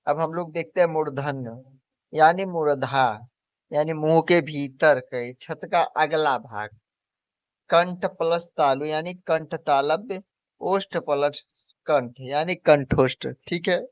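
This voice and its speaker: Man, teacher, slightly high voice, dry dull recording, asks and answers himself. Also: slow, no echo. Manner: repeats questions and answers them himself, calls the viewer friend. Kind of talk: exam-prep lesson.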